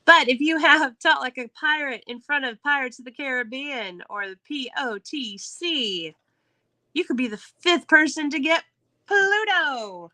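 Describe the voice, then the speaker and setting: A high-voiced woman hosts a live online game, upbeat and chatty, laughing easily as she calls out the winners. Her voice is bright and crisp, recorded dry and close. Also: animated, a little slow, no room sound, low-quality recording. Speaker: host. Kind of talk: live game-show hosting.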